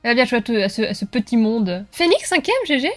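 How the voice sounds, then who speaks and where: A woman streaming from home, chatting with her viewers in a lively, joking way and cheering on a race. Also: a little high, fast, soft background music. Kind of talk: live-stream chat with viewers while racing.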